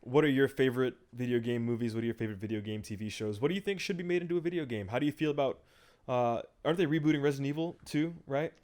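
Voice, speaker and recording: A podcast host in his thirties chats casually at a racing pace in a medium-pitched voice. He's relaxed and rambling, trailing off with fillers.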